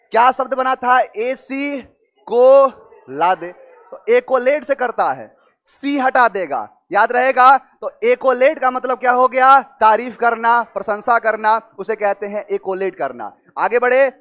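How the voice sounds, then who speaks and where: High-voiced man teaching vocabulary. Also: a bit bright. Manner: explains with repeated questions to students. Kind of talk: vocabulary lesson with memory tricks.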